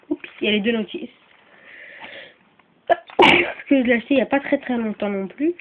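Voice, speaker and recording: On the high side, the voice belongs to a channel host with a cold who coughs as she casually goes over things she's selling. Her chatter wanders, broken by pauses, apologies, "euh" and "voilà." It's a lo-fi, phone-quality recording with faint noise.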